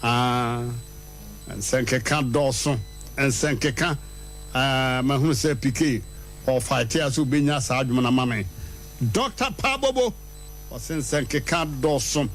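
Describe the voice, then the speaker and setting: A man hosting a radio show, telling a story in a lively way and leaping high in pitch for punchlines. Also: slow pace, faint music behind. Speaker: radio host. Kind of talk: animated radio storytelling and proverbs. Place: radio studio.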